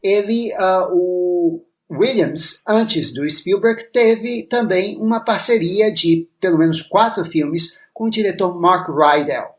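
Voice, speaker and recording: A man co-hosting a podcast, talking about film music in a slow, hesitant way with many drawn-out fillers. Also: sits high. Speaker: podcast co-host. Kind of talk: casual film music discussion.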